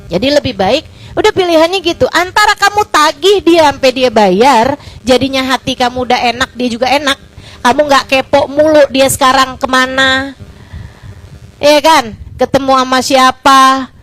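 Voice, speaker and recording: High-voiced woman religious teacher, chatty. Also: moderate pace, rough recording. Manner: chatty, asks rhetorical questions; lively with colloquial fillers. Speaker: Islamic religious teacher (ustazah). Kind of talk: casual religious lecture.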